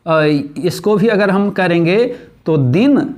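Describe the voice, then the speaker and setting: A man's voice: high-pitched, a little mellow. A man teaching a pronunciation lesson, drawing out syllables and repeating sounds over and over. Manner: slow, drawn-out syllables, repeats sounds many times; acts out little scenes in changed voices.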